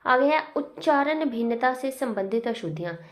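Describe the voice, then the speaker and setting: A woman's voice: high-pitched, lively intonation, moderate pace. A woman teaching a Hindi writing lesson, explaining each point with repeated examples and asides. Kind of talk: classroom lesson.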